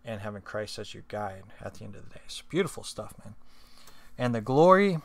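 A man reading scripture and reflecting on it in a relaxed, meandering way, with many fillers and tag questions. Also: on the low side, quick pace, gravelly. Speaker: scripture reader and speaker.

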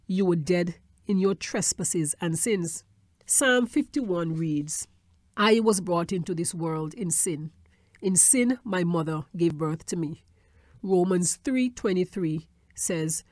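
A woman's voice: on the low side, mellow, no echo, studio quality. A woman giving a teaching sermon, repeating key phrases for emphasis and checking in with a questioning "hmm?". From Montserrat. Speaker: Bible teacher.

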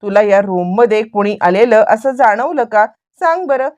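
A woman's voice: mid-range voice, expressive, normal speed, darkish tone, natural voice. A woman voicing a worried, protective middle-aged father who presses anxious questions.

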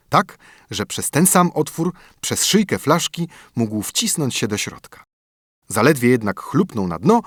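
Expressive male audiobook narrator. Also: medium pitch, dry recording, studio quality. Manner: expressive, lively storytelling. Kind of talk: scripted fairy tale narration.

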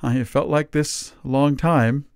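A man reading aloud gives a higher, weak and plaintive voice to a feeble, dying, mild old Father Christmas. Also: big pitch swings, normal speed, a little mellow, no echo, clean studio sound, lightly acted.

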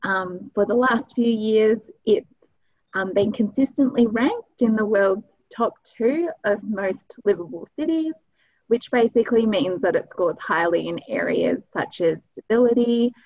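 A woman's voice: mid-range voice, lively intonation, a little slow, no echo. A young Australian woman hosting a panel over a video call, friendly, with frequent ums. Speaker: host, student recruitment manager. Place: small room indoors. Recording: slightly dull video-call audio.

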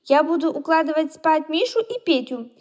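A woman voicing an emotional, quick-tempered little girl in a children's storybook reading. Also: sits high, lively intonation, a little mellow, voice pushed up. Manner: emotional, exclaiming, tearful.

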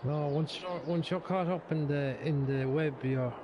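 A man's voice: fairly high pitch, measured pace, highs cut off. A man chatting casually in a colloquial, sweary way. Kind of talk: casual chat. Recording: noisy voice chat with engine sound.

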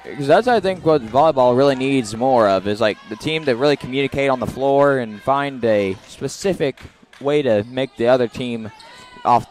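A man's voice: mid-range voice, normal speed, hardly any pauses, darkish tone. A young man giving casual, chatty color commentary on a volleyball match, with jokey asides. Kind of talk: live sports commentary.

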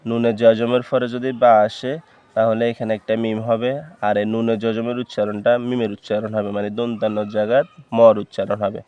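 Guy teaching quran letters, low flat voice, slow patient spelling, dry dull lo-fi sound. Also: clear, resonant tone. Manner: patient, drawn-out syllable-by-syllable spelling. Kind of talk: slow spelling-out recitation lesson.

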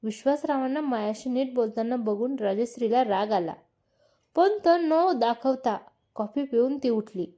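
A woman narrating a family story in a calm, even storytelling manner. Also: on the high side, measured pace.

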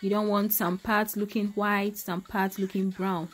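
A cooking vlogger from Ghana gives a casual recipe demonstration in her kitchen at home, talking to "my people" and exclaiming about the food. Her mid-range voice barely shifts in pitch and keeps a measured pace, with faint music behind.

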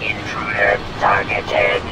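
A glitching monotone battle droid. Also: male voice, fairly low pitch, roomy sound. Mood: robotic alert. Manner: flat, slow, clipped announcements. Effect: glitching robotic voice filter. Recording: distant game audio under loud music.

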